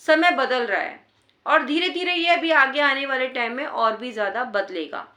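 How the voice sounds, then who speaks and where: A woman's voice: sits high, bright, forceful tone, reverberant. A woman giving earnest, repetitive advice in a casual talk to wives. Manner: earnest, repeats points for emphasis. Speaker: advice vlogger.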